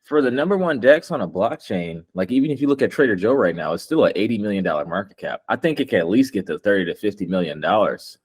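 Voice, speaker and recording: A man's voice: lowish voice, sing-song, quick pace, few pauses, husky. A man chatting casually about crypto investing in a slangy, confident, boastful bro manner. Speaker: crypto investor and video maker.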